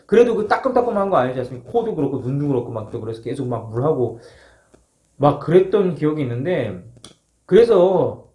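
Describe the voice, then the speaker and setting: A man casually telling a first-person story as a former marine, acting out moments with polite formal sentence endings. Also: a little high. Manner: animated, acts out shouts, polite formal endings. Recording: roomy, echoing sound.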